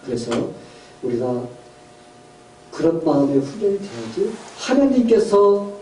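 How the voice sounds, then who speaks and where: A male pastor delivers a sermon, retelling a parable and asking his listeners questions as he goes. His voice sits fairly high and mellow. He sounds a little distant from the mic in an echoey church hall, with faint room noise behind him. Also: very animated, a little slow. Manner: storytelling with questions to the congregation, voicing characters. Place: church sanctuary.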